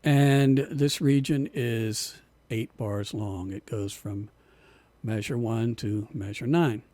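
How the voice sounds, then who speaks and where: In a dry recording, a man with a mid-range voice takes it slowly while teaching an online music production class. He's relaxed, repeats himself often as he explains, and is losing his voice.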